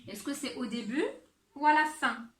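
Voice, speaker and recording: A woman teacher giving a handwriting and sounds lesson to young children, speaking slowly and clearly. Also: high-pitched, fairly bright tone, roomy sound, a little hiss or hum. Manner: slow, clear teacher talk addressed to children. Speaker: primary school teacher.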